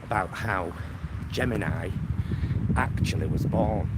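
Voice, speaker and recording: A middle-aged man from England with a Greater Manchester accent and a low voice makes a phone selfie vlog, speaking at a slowish pace as he walks a suburban road. He rambles casually and campily to camera, using campy endearments, while very loud street and traffic noise surrounds him.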